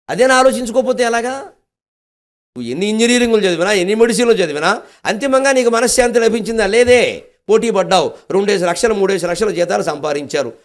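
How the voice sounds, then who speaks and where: An older man with a Telugu accent delivering a devotional discourse, telling the epic with humorous asides and acted-out quotes. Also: sits high. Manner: animated storytelling, acting out quotes, humorous asides. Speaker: spiritual discourse speaker.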